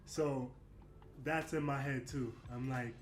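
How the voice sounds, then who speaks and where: Man in his late twenties, candid, reflective, mid pitch, echoey room, faint music. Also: fairly even intonation, takes it slowly. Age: 20s. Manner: candid, reflective, lots of "you know what I mean". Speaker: basketball player guest. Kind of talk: casual interview chat.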